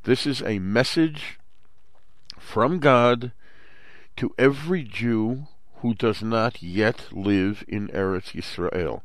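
A man, hosting a Torah commentary talk in a measured, explanatory way and using Hebrew terms. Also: lowish voice, no room sound. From Brooklyn, New York. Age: 60s. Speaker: host.

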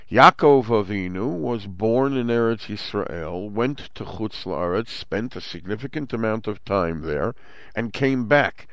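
Slow, smooth-voiced older New man. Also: fairly low pitch, no echo. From Brooklyn, New York. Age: 60s. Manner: measured, explanatory, with Hebrew terms. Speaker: host. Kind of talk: Torah commentary talk.

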